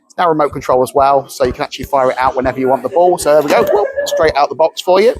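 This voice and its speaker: A man's voice: mid-range voice, racing, rough recording. A man, a prop dealer, demonstrating magic tricks in a chatty, showman-like way. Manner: chatty, showman-like, hesitant fillers. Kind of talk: product demonstration.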